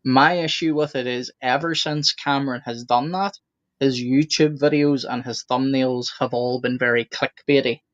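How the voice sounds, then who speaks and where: A man's voice: mid-range voice, steady tone, no room sound, highs cut off. Frank male co-host on dry call audio. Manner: frank, opinionated, deliberate. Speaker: podcast co-host. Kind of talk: casual discussion.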